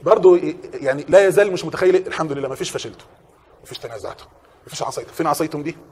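A man preaching a sermon in an Egyptian Arabic accent, swinging from hushed, reflective passages to impassioned shouting. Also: fairly high pitch, very fast.

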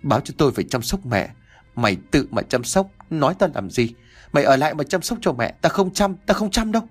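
A man voicing a grief-stricken young investigator who shouts through sobs. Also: on the high side, sing-song, quick pace, slightly rough, soft background music, pitched above the performer's own voice. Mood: raging.

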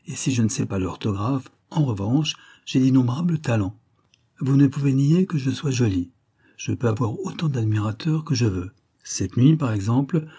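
A man's voice: mid-range voice, warm tone, slightly rough, natural voice. A man voicing a vain, flighty eighteen-year-old schoolgirl who gushes and boasts. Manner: boastful, gushing, a little hysterical.

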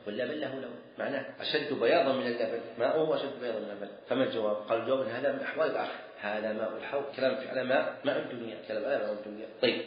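A religious teacher lectures at a brisk clip, repeating key phrases and quizzing his class. His voice bounces around a very reverberant room, and the recording sounds dull and lo-fi. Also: medium pitch. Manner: repeats key phrases, poses questions to students. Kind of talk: classroom lecture on Islamic law.

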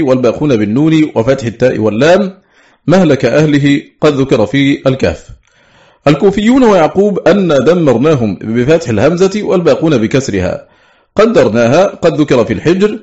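This audiobook reader is a man whose voice sits on the high side and sounds mellow. He reads a scholarly text aloud, methodically going through a list item by item, and the recording is dull and lo-fi.

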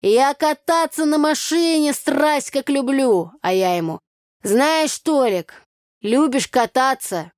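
Lady doing a brash village girl, loud and high, tossing out proverbs, dry close sound. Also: no room sound. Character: lively village girl full of folk sayings.

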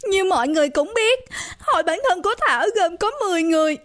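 A young woman sobbing through a speech at her own party, voice shaky and pleading, as a narrator puts her on. The voice rides very high and strained, a storybook heroine in tears. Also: animated, quick pace. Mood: tearful. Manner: tearful, pleading. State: crying.

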